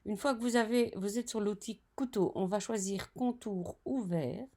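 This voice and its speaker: A woman tutoring design software over a screen recording, chatty and narrating each step with self-correcting asides. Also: medium pitch, moderate pace.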